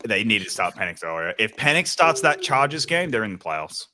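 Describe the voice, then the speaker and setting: A man's voice: fairly low pitch, sing-song, fairly quick, a crowd in the background. A man co-hosting a sports podcast, chatting casually about the season with many fillers and restarts. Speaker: podcast co-host.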